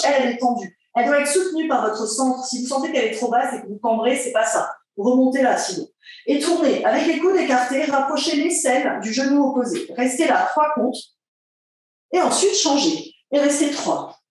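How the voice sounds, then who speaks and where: A woman leading a pilates class, giving cheerful, encouraging cues, counting repetitions aloud and laughing often. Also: a little high. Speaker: pilates instructor. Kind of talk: guided workout instruction. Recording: very echoey room, mic at a distance.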